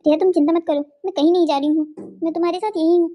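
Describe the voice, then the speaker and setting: Woman voicing a gentle, caring cartoon wife. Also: very high-pitched, steady tone, racing, lo-fi sound. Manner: gentle, reassuring. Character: brave, caring young wife, the elder sister-in-law.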